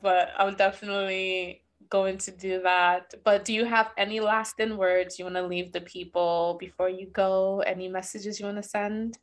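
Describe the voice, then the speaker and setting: A woman's voice: medium pitch, little pitch movement, moderate pace, hardly any pauses. A woman hosting a podcast, talking casually and candidly, swearing freely and laughing often. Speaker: podcast host.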